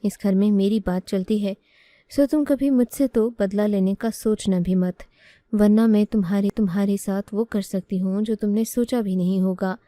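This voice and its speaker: A woman's voice: medium pitch, fairly even intonation, moderate pace, warm tone, no echo, close to an everyday voice. A woman voicing an arrogant, bullying young sister-in-law in a storybook reading, speaking in a domineering, threatening way.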